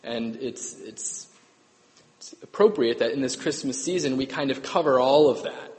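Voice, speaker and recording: A man's voice: mid-range voice, normal speed, a little mellow. Guy priest preaching, chatty homily, tag-question style, big cathedral echo ringing out. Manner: conversational, self-correcting, asks the congregation "right?". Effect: cathedral echo, long church reverb. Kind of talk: gospel reading and homily. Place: large church. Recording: long echoey church reverb.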